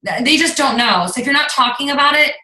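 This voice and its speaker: A woman coaching her team in casual talk, chatty and quick to chime in. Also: high voice, lively intonation, sharp tone. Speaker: fitness coach. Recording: roomy echo.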